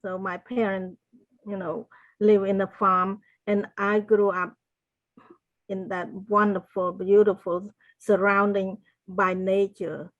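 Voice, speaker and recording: Slow, earnest older woman from Cambodia. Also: mid-range voice, level tone, no room sound, lo-fi sound. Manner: slow, earnest, faith-filled storytelling. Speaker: podcast guest, wellness consultant. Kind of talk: interview answers, personal testimony.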